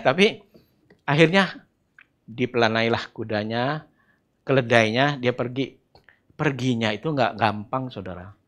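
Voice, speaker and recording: Man, middle-aged, Indonesian accent, sermon, lively storytelling, acts out voices. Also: mid-range voice, muffled recording. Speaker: church elder preaching.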